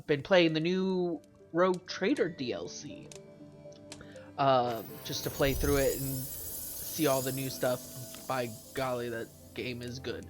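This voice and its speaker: A let's play host with a mid-range voice and a stuffy nose from a cold comments casually on his gameplay. He rambles through weapon stats, correcting himself along the way, while faint game music plays behind him.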